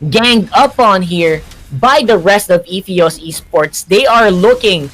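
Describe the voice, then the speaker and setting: A man's voice: high voice, expressive, slow, fairly bright tone, low-quality recording. A man giving live color commentary on an esports match, casually explaining team strategy. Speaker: esports analyst co-caster.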